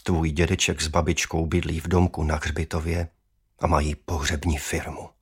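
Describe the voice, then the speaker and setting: A man doing a soft, gentle storybook mother. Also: a bass voice, flat delivery, husky, exaggerated voice. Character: gentle, sensible mother of a young boy.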